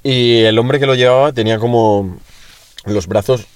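A young man from Spain with a Peninsular Spanish accent, casually chatting as a podcast co-host and telling animated stories with acted-out voices and sound effects. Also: medium pitch, moderate pace, clear, resonant tone, no echo. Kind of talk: casual chat.

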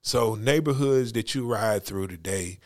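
A middle-aged man hosting a podcast, talking in a relaxed, storytelling way. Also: lowish voice, measured pace. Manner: laid-back, storytelling. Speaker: podcast host. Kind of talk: casual chat.

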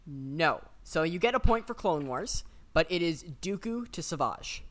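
Quizmaster, animated pitch, teasing, dry close sound. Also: a little slow, dry recording. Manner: lively, teasing question reader. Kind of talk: reading trivia questions, casual.

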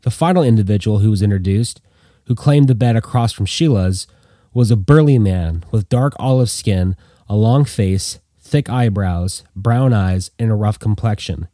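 Low, mellow male storyteller. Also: normal speed, dry recording, studio quality. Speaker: narrator. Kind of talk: storytelling reading.

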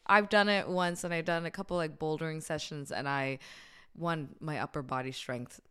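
A woman co-hosting a podcast, her voice smooth and clear. She rambles through her stories with restarts and keeps laughing along. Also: low voice, fairly even intonation, moderate pace, fairly bright tone. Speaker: podcast co-host. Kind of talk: casual chat.

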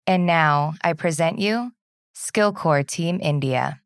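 Woman, podcast host, scripted intro, very low voice, dry close sound. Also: dry recording. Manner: measured, announcer-like reading.

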